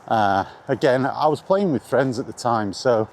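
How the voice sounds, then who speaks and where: A middle-aged British video maker gives a casual, rambling vlog chat about video games and his views while walking in the rain, informal and mildly sweary. His voice is mid-range and he keeps a measured pace. The recording has faint outdoor ambient sound.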